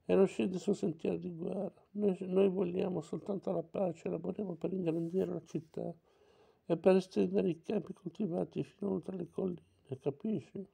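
A man's voice: high voice, fairly even intonation, normal speed, creaky, mellow, slightly rough, exaggerated voice. A man voicing a firm, questioning frontier lawyer in an audiobook reading. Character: stern frontier lawyer, middle-aged man.

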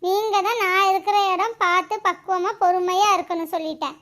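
A stubborn, quarrelsome sister-in-law in a family cartoon, voiced by a woman. She taunts her brother's wife in a very high voice. She talks in a deliberate, unhurried way. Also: fairly even intonation, a bit bright. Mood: defiant. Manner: defiant, taunting.

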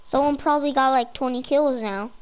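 Laid-back gamer host, high voice, noisy game capture behind. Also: female voice, a little fast. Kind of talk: casual gameplay chat.

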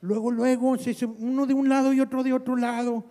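High-voiced clown telling a joke. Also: male voice, brisk, big-room sound. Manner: lively, imitates other voices in his story. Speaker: clown comedian. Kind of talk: telling a comic story.

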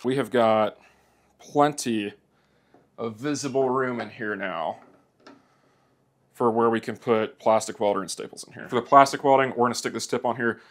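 In an indoor workshop, a motorcycle repair demonstrator talks through a plastic welding repair while he works, easygoing and plainspoken. His voice is medium in pitch at a moderate pace, with frequent pauses and a slight hiss or hum in the background.

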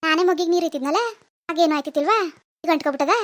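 A woman's voice: high voice, fairly even intonation, rapid-fire, natural voice. A woman voicing an easily offended old grandmother who grumbles and answers back with sarcasm, in a rural Kannada village dialect. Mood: aggrieved. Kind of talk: cartoon voice acting.

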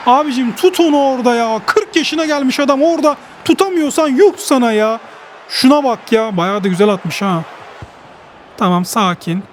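Male gaming commentator, very high voice, excitable, boastful, joking play-by-play. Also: slight background noise. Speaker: gaming YouTuber. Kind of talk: live gameplay commentary.

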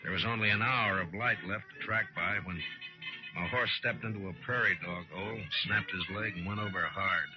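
An actor playing a steady, tough frontier marshal in a radio western, dry, laconic and matter-of-fact. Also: male voice, on the low side, normal speed, close to an everyday voice. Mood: grim narration. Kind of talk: 1940s-50s radio western acting and narration. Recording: dull old radio recording with music.

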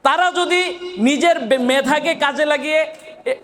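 High-voiced man giving a motivational speech. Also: unhurried, fairly bright tone. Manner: asks the audience rhetorical questions. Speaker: Islamic scholar giving a farewell speech.

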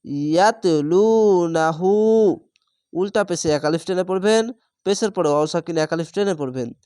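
A man's voice: high voice, quick pace, darkish tone, clean tone, dry recording, clean studio sound. A man teaching Quran reading, spelling out each syllable and then drawing out the joined word. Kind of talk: slow spelled-out Quran recitation lesson.

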